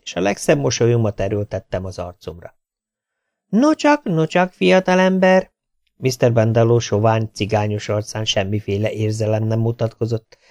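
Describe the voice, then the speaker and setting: Gravelly male audiobook narrator. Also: lowish voice, mellow, no echo, clean studio sound.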